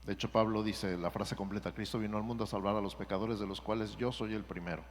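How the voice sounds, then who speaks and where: A man's voice: lowish voice, steady tone, fast. A man preaching a sermon as pastor and leading a prayer for the congregation to repeat. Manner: earnest, leads a repeat-after-me prayer. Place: church sanctuary. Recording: church hall reverb with music underneath.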